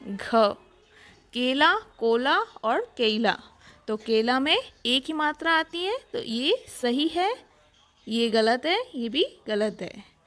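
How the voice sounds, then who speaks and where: A woman's voice: a little high, lively intonation, slow, fairly bright tone. A woman teacher patiently walking through a children's worksheet, explaining each answer step by step. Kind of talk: worksheet walkthrough lesson.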